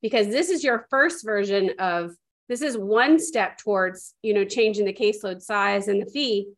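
A woman co-host with a mid-range voice guides her guest on a podcast. She asks gentle, searching questions in a calm coaching manner. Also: medium pitch, moderate pace.

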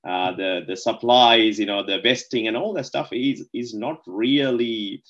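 A man's voice: fairly low pitch, measured pace, a bit bright, lo-fi sound. A man from Sri Lanka, chatting casually as an interview guest and rambling with lots of "like, you know".

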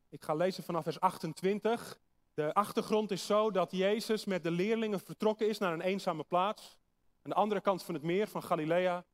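A man preaching a sermon, explaining a word, reading scripture aloud and asking his listeners rhetorical questions. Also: high voice.

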